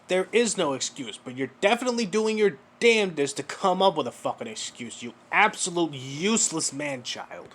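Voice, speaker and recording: A man's voice: fairly high pitch, expressive, normal speed, hardly any pauses, fairly bright tone. A man giving mocking reaction commentary, sarcastic and profane, lecturing the person in a clip.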